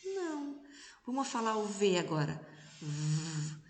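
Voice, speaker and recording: A Brazilian woman teaching young children in a remote lesson, speaking slowly and patiently and stretching out syllables. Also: mid-range voice, lively intonation, a little hiss or hum. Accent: Brazilian Portuguese. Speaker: primary school teacher. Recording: echoey, reverberant room.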